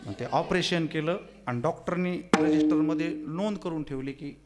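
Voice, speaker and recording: A man preaching a kirtan sermon, telling humorous stories and questioning the crowd, swinging between loud exclamations and quiet asides. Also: fairly high pitch, moderate pace. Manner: teasing, asks the audience questions.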